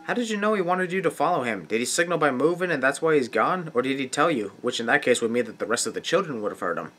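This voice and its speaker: A man hosts a mocking, scripted commentary at a brisk clip. His asides are deadpan and sarcastic, and his mid-range voice sits over clearly audible music. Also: medium pitch. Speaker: host of a film nitpicking video. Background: film soundtrack music.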